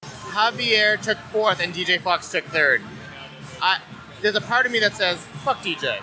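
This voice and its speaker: A man's voice: high voice, a little slow, over music, poor audio. A man from the Northeast US hosting a podcast, interviewing casually and joking with a laugh. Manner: jokey, laughs often. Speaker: podcast host.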